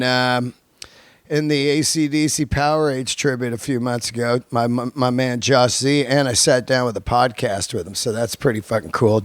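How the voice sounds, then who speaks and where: A podcast host and stand-up comedian in his early fifties speaks in a mid-range voice, chatting informally with his listeners in a chill, slangy, foul-mouthed way. The studio sound is clean and free of echo.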